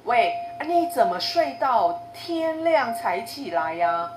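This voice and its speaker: Brief: woman doing a sharp-tongued mistress of the house, loud and scolding, in a roomy room. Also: fairly high pitch, very animated, slow. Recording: roomy echo, faint noise.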